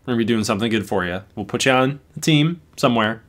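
A man co-hosting a casual chat about a football video game, excitable and quick to cheer or groan. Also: medium pitch. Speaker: co-host. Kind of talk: casual gaming commentary.

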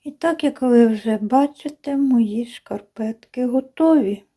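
A woman talks to her viewers from her home in a chatty, unhurried way, pausing on fillers and restarting her sentences. Her voice sits a little high and has a soft, mellow tone. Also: husky. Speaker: knitting vlogger. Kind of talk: casual chat to viewers. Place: home, indoors by a window.

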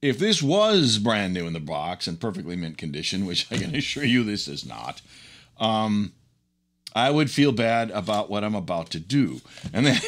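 A middle-aged or older hobbyist with a medium-pitched, slightly bright voice hosts a teardown at his indoor workbench. His hands-on commentary is unscripted, rambling and enthusiastic, punctuated by frequent chuckles.

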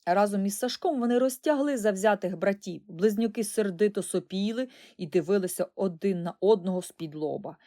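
A woman narrating a children's storybook in an expressive way. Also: mid-range voice, brisk, few pauses. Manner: expressive, lively. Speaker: audiobook narrator.

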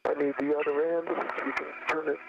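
An astronaut talking over a space-to-ground radio transmission, giving terse, clipped procedural instructions. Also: male voice, on the high side, little pitch movement, a little fast, vocal fry. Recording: muffled, noisy radio loop.

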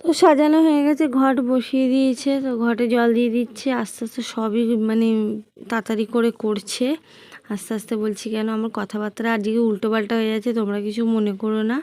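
A woman's voice: fairly high pitch, steady tone, quick pace, mellow. A middle-aged woman chatting casually to viewers as she narrates a family home vlog, rambling and addressing them directly. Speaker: vlogger.

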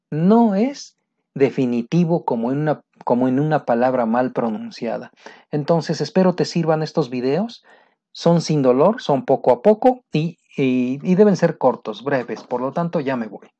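A man with a Mexican Spanish accent teaching English pronunciation in a casual spoken lesson, patient and repeating key phrases, slowing down to demonstrate sounds. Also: a little high, expressive, warm tone, highs cut off.

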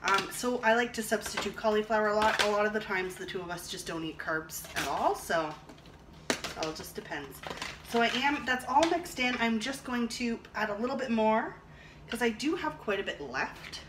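Filming herself from arm's length, a woman in her thirties cooks at home and muses out loud about a product, her medium-pitched voice lively and moderately paced. Dishes clatter and clicks sound throughout the noisy kitchen.

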